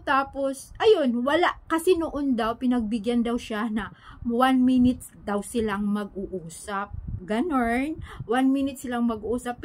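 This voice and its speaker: A woman's voice: fairly high pitch, rough recording. A woman chatting casually to her viewers, retelling hearsay and asking them for agreement. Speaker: showbiz gossip vlogger. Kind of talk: casual gossip commentary to viewers.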